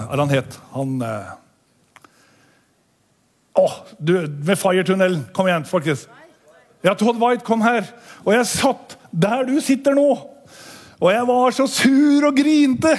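A man preaching a lively testimony sermon to a congregation in a church hall, emphatic and folksy, and at times shouting. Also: extremely high pitch. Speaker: lay preacher giving a testimony.

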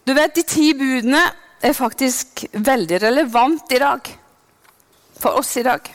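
A woman preaching a sermon with passion, dropping to hushed whispers and then rising to loud proclaiming. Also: sits high.

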